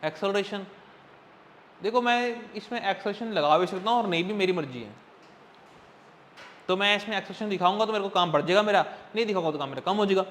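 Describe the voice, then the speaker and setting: Guy teaching physics in a classroom, high bright voice, keeps asking the kids stuff. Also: slight background noise. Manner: quizzes students constantly, coaxing and brisk. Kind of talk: classroom lecture.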